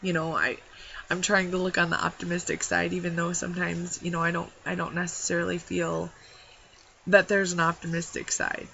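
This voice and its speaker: A young woman speaks openly to the camera, rambling and heartfelt with lots of fillers. Her voice is bright with a gravelly fry at the ends of phrases. The audio is dull and lo-fi with a faint hiss behind her. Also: on the low side, completely flat delivery, a little fast. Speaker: vlogger. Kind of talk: personal talk to camera.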